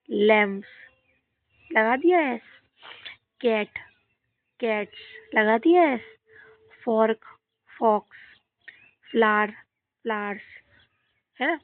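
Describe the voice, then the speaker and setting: A woman's voice: a little high, no room sound. A woman teaching a children's English grammar lesson, asking questions and answering them herself, repeating the key words. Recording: dry, phone-like audio.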